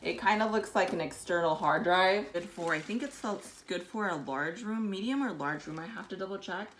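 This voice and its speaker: Young woman, casual home vlog, chatty and bubbly, lowish voice, faint background hiss. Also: a bit bright. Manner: chatty and bubbly, quick asides. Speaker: wellness vlogger. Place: home, indoors.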